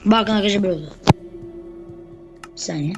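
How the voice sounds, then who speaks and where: Chatty young gameplay streamer, mid-pitched. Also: fast talker, lo-fi sound, over music. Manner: chatty, constantly addressing viewers as friends; excitable bursts while fighting. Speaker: gameplay YouTuber. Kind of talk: casual gameplay commentary.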